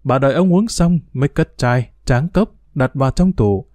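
A man reading a novel aloud as a storyteller, in a measured, formal narrating manner. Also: mid-range voice, lively intonation, dark tone, no room sound. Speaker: storyteller, audiobook reader.

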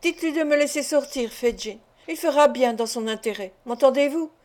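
A woman's voice: sits high, normal speed, darkish tone, close to an everyday voice. A woman reading the part of a desperate young woman who pleads insistently to be let go, for an audiobook. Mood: pleading.

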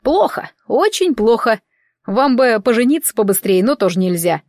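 A fussy, excitable male elf priest who lectures and exclaims in a lifted, loud voice, as a woman reads him in an audiobook. The sound is close and dry, with no room around it. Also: a little high, moderate pace, no room sound. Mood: stern. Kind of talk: audiobook character reading.

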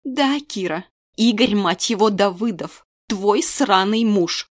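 A woman reading an audiobook, voicing a furious middle-aged friend and mother who shouts crude accusations down the phone. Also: medium pitch, lively intonation, moderate pace, no echo, studio quality, natural voice. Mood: bitter accusing.

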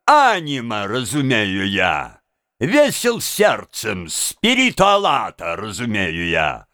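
A male audiobook reader voicing an excitable, proud Italian violinist who tells his story in theatrical, indignant outbursts. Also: a little high, no room sound, clean studio sound, exaggerated voice. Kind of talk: audiobook character reading.

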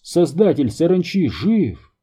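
A man reading an audiobook, voicing a chatty, excitable young woman lab worker who gossips insistently. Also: high-pitched, a little slow, slightly rough, voice pushed up, heavily acted. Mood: excited.

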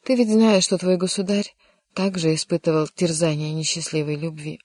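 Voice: medium pitch, flat delivery, moderate pace, dry recording, clean studio sound, natural voice. A reader voicing a kindly but insistent older king in an audiobook, coaxing and at times vexed. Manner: warm, coaxing, sometimes vexed. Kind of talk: audiobook character reading.

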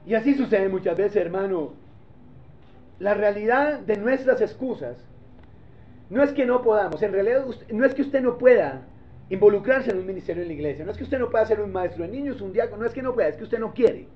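A man's voice: high-pitched, expressive, a little fast. A man preaching a sermon as pastor, emphatic and asking the congregation questions. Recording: dull lo-fi recording.

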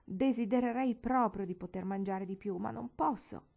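A woman's voice: mid-range voice, animated, normal speed, mellow. A woman voicing an eager, mischievous boy in a storybook reading, with rising, exclaiming speech. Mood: delighted.

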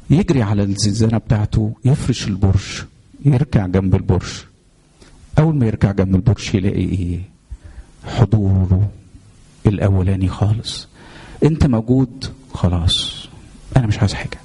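A man's voice: on the low side, fairly quick, pauses often, mellow, breathy edge. A man with an Egyptian accent preaching a sermon, telling a story and questioning the congregation. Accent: Egyptian Arabic. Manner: storytelling, speaks directly to the congregation. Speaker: pastor.

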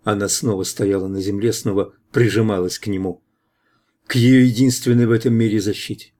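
A man narrating an audiobook in a steady storytelling manner. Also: lowish voice, a little fast. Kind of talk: audiobook narration of science fiction.

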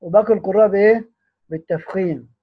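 A high-pitched man with an Egyptian accent teaches the readings of the Quran. He lingers over each recited word, then hurries through his points with frequent restarts. The recording is narrow and tinny, like a phone line. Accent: Egyptian Arabic. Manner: drawls recited words slowly, then explains quickly with many restarts. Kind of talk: teaching the ten readings, alternating recitation and explanation.

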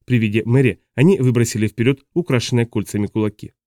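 A man narrates an audiobook with steady, even storytelling. His voice is dark and relaxed, and the recording is dry and close with no room echo. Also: medium pitch, fast. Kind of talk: scripted narration.

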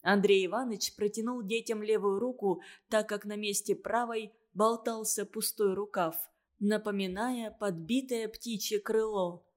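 A woman reads a storybook aloud in a calm, steady way. Her voice sits at a middle pitch and her phrasing is even and expressive. She keeps a clear storytelling pace. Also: measured pace. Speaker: narrator. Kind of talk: storybook reading.

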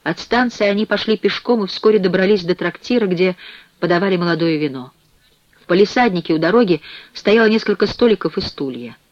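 A man narrating an audiobook in a measured, expressive way. His voice sits somewhat high, and the recording is dry and slightly dull. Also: dry recording.

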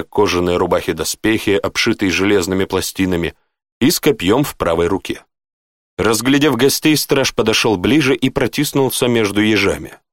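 A man narrating an audiobook in an expressive storytelling manner. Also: on the low side, dry recording, studio quality.

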